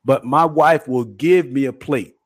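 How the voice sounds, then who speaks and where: This middle-aged podcast co-host has a mid-range voice with a breathy edge and talks a little slowly. His emphatic, casually preachy delivery on the talk show features frequent repeated words, captured in studio quality with no room sound.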